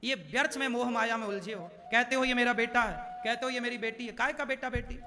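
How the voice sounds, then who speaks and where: High-voiced man preaching in a reverberant hall. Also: fairly quick, noisy background. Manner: sing-song recitation of Sanskrit verses mixed with conversational asides to the audience. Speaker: preacher telling a scripture story. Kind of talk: devotional sermon storytelling.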